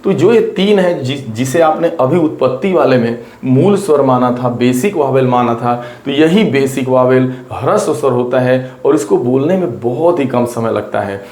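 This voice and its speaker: A man's voice: mid-range voice, normal speed, hardly any pauses, a little mellow. A man teaching an exam-prep grammar lesson, explaining step by step and repeating his points to students. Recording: roomy echo.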